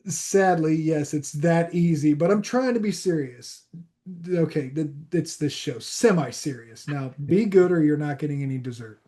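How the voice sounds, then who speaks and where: A male podcast co-host with a notably high voice. He rambles cheerfully, restarts his sentences and breaks into giggles. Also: normal speed, dark tone. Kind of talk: casual chat.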